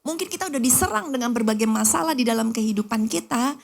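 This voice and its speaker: Woman pastor, fairly high voice, animated sermon, keeps addressing the congregation. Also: fast, creaky. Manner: animated, often calls out to the women in the congregation; acts out little scenes of everyday chatter.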